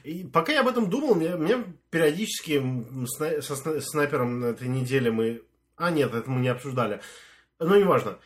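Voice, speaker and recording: A man's voice: mid-range voice, animated, a little fast. A man co-hosting a podcast, chatting casually with many hesitations and restarts. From immigrant to Canada. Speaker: podcast co-host. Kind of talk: casual chat.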